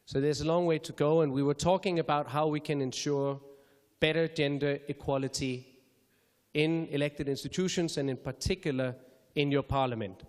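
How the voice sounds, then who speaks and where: A man from Denmark giving measured, formal opening remarks at a public lecture, with careful phrasing and the odd self-correction. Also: on the high side, steady tone. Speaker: speaker introducing a public lecture. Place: lecture hall. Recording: reverberant lecture hall.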